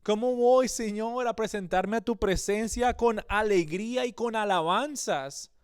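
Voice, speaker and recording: A man's voice: high voice, measured pace, clean tone, dry recording, studio quality, voice pushed up. A preacher putting on an anguished hunted king. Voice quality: pleading, urgent.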